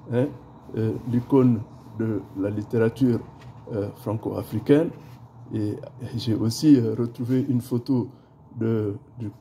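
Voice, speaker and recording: A middle-aged man talking through a school play booklet, halting often with fillers and repeated words. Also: medium pitch, warm tone, slightly rough. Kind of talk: casual spoken presentation.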